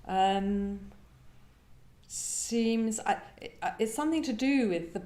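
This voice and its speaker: This slow-speaking woman has a somewhat high but dark-toned voice. As a guest poet at a live literary event, she talks reflectively and reads her poems, and the roomy, echoing indoor venue comes through clearly.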